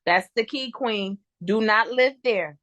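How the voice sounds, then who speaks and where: A woman's voice: mid-range voice, unhurried, a bit bright, no room sound, lo-fi sound. A woman in a casual interview conversation, giving motivational advice and repeating key phrases for emphasis.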